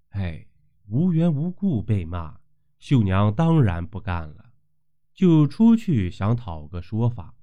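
A male storyteller tells a dramatic folk tale with a lively, swooping delivery and plenty of exclamations. His voice is mellow and warm, and it comes through a dull, lo-fi recording. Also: medium pitch.

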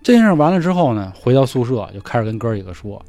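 Fast-talking man telling ghost stories. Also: mid-range voice, sing-song, no echo, faint music behind. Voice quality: colloquial, acts out dialogue in hushed voices. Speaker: podcast storyteller. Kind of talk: casual ghost story telling.

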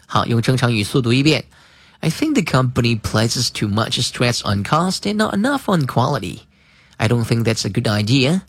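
A man giving a bilingual English lesson, moving between brisk explanation and slow, carefully paced readings of example sentences. He spells words out letter by letter. His voice sits in a middle register, recorded close and dry. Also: mid-range voice, animated, slightly rough, dry recording. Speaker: English teacher.

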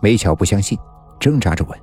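A man's voice: lowish voice, expressive, a little fast, dark tone. A man narrating a suspenseful story in a tense storytelling manner. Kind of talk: dramatic story reading. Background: faint music.

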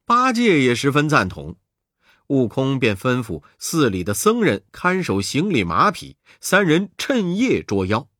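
A man tells a children's legend in an expressive, dramatic way. He paces it slowly, with lively rises and falls in pitch. The recording is close and dry. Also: no echo. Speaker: storyteller. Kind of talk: children's story narration.

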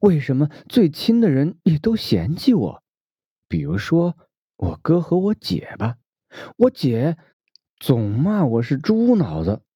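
Guy doing a worn-out heartbroken middle-aged woman, higher voice, pleading, sometimes whispers, slow. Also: husky, dry recording, heavily acted. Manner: pleading, breaks into unvoiced whispers. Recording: dull lo-fi recording.

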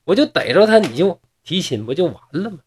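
A man's voice: sits high, sing-song, a little fast, husky, voice pushed up, heavily acted. A man with a Northeastern accent voicing a boastful, swaggering young man in a storybook tale. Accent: Northeastern Mandarin. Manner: brash, swaggering. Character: boastful young man, brash and confident cousin.

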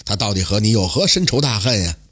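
A man voicing a shrewd middle-aged magistrate who speaks in a measured, dryly amused way. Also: fairly low pitch, big pitch swings, a bit bright, husky, voice pushed down, exaggerated voice. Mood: wry.

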